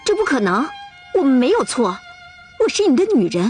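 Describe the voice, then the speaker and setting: A woman's voice: high-pitched, very animated, fairly quick, a little mellow, faint music behind. An actress playing a headstrong, lovesick young Russian woman in a period TV drama, insistent and pleading. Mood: earnest. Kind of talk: television period drama acting.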